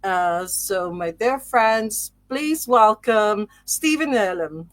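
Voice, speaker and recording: A woman's voice: medium pitch, lively intonation, takes it slowly. A woman hosting a podcast interview over a video call, effusive and laughing often. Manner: effusive, giggly. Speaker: podcast host. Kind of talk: casual interview.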